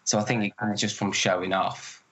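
A man's voice: lowish voice, little pitch movement, a little fast, fairly bright tone, lo-fi sound. A man who is an actor, talking in a casual interview and telling stories with lots of restarts. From northern England. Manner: chatty, rambling with restarts. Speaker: actor, guest.

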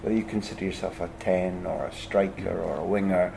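A man's voice: deep voice, steady tone, fairly quick, vocal fry, noisy background. A man hosting a conversational interview, putting long, winding, reflective questions to his guest. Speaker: interviewer, podcast host.

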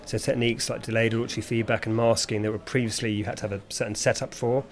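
A man working as a speech therapist, calmly explaining treatment techniques in conversation. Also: mid-range voice. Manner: measured, explanatory.

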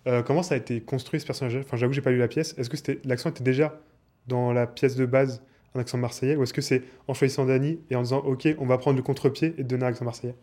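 A man's voice: mid-range voice, steady tone, very fast, dark tone. A man interviewing guests, asking long run-on questions.

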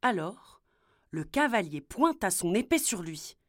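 A woman's voice: medium pitch, no room sound, studio quality. A woman reading a children's fairy tale aloud as a storyteller. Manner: slow, expressive storybook telling.

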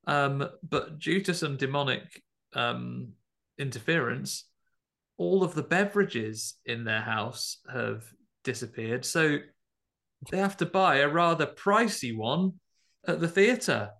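A man's voice: medium pitch, lively intonation, takes it slowly, creaky, sharp tone. A man, co-hosting a podcast and setting word puzzles in casual chat, hesitant with many ums and chuckles. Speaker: podcast co-host.

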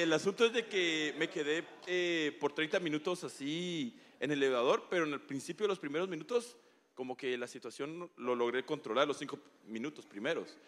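A man with a fairly high voice speaks nervously in front of a congregation, stumbling and restarting as he tells his story. His voice echoes with a long hall reverb. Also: fairly bright tone. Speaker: congregation member giving testimony. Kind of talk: nervous personal testimony.

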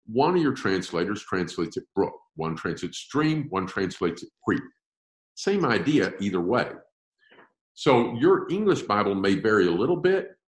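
A man teaching a Bible class, explaining texts with emphasis and slowing down to stress key words. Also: lowish voice, echoey room. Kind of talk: classroom-style Bible lecture.

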